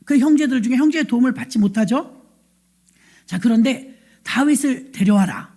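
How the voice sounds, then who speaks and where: A woman's voice: a little high, fairly quick, warm tone, breathy edge. A middle-aged woman pastor preaching a sermon, telling the story with animation and asking the congregation questions.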